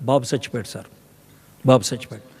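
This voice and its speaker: A man preacher voicing a poor widowed mother who speaks lowly and softly to a prophet. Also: fast, big-room sound, natural voice. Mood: grieving.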